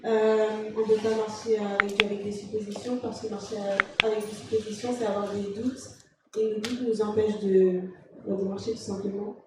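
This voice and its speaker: A woman's voice: medium pitch, flat delivery, moderate pace. A woman from the congregation answering the pastor's question, a little hesitant. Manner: hesitant, with fillers. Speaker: congregation member. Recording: distant echoey church room with noise.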